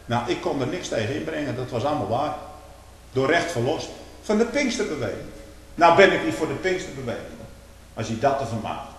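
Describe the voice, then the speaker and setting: A man delivers a sermon in a strongly reverberant church hall, his mid-pitched voice ringing out with a long echo. He hammers key phrases loudly and slowly, then slips into low, conversational remarks. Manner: swings between loud emphatic declaiming and low conversational asides. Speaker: preacher.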